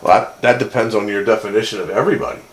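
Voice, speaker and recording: This man's low-ish voice races as he muses aloud in a casual technical chat about vintage radio gear, hesitating and often rephrasing himself. There's noise in the background.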